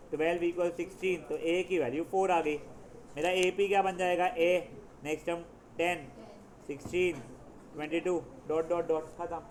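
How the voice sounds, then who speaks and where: A man's voice: sits high, slight background noise. A man teaching a math class, walking students through problems step by step, calling out to them, scolding and joking in between. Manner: calls out to students, scolds and jokes between explaining steps. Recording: echoey classroom.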